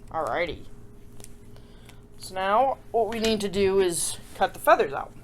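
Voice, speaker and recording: This woman's mid-range voice has lively intonation and an unhurried pace, with a little hiss or hum in the recording. As host of a children's craft show, she chats casually through the tutorial, adding playful self-deprecating remarks and regularly checking in with viewers.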